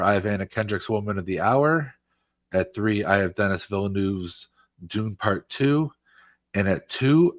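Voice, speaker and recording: Male podcast co-host, lower pitch, dry close sound, casual filler-laden delivery. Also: no echo. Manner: casual, filler-heavy, animated. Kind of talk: casual film review chat.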